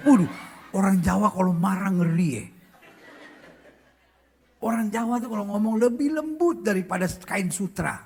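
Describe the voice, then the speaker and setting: A preacher giving a comic sermon, joking, shifting between loud outbursts and hushed asides. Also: medium pitch, slightly rough.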